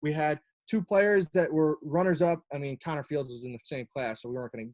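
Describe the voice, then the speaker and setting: A man's voice: a little high, steady tone, fairly quick, a little mellow. A young man, a college lacrosse coach talking casually on a video call, rambling with many fillers and restarts.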